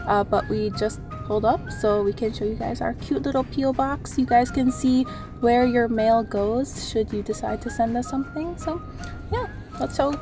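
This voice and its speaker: This is a young woman's casual vlog chat, recorded first in a living room and then at a post office, in a roomy space with music underneath. She speaks at a moderate pace in a fairly high voice, a little stuffy from a cold, and her manner is bubbly and playful with frequent laughter.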